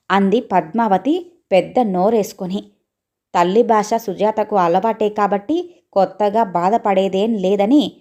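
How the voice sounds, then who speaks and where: A woman narrates a family story in a steady, clear reading voice. Her pitch sits in an ordinary middle range.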